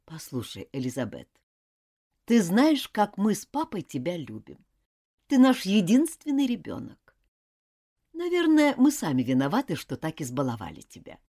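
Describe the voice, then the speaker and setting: A woman voicing a stern but loving mother who scolds her daughter in a firm, lively voice. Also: on the low side, normal speed, heavily acted.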